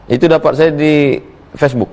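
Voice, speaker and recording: A middle-aged man preaching and answering questions from listeners, folksy and joking, with sudden high exclamations and teasing asides. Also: fairly even intonation, moderate pace, a little mellow. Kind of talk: humorous sermon Q&A.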